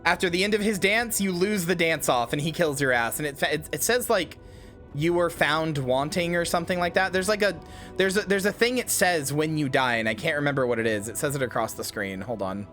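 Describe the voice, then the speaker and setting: A man's voice: fairly high pitch, fairly quick, soft background music. A man casually commenting on a game as he plays, rambling with lots of fillers and swearing. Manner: rambling, full of fillers, swears and loud outbursts. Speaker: game streamer.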